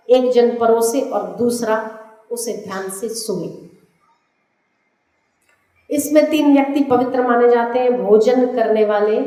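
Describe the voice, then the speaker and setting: A woman, a spiritual teacher giving a religious discourse to an audience, slow and didactic, repeating lists so listeners can write them down. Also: fairly high pitch, a little mellow. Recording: very echoey hall.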